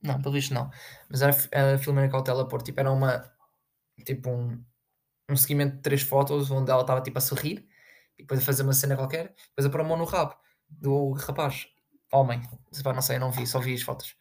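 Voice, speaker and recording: A man's voice: mid-range voice, little pitch movement, fast, gravelly, a little mellow. Sarcastic young Portuguese man ranting. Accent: European Portuguese. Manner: sarcastic, with big jumps into mocking voices; rambling, full of fillers. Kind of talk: casual rant to camera.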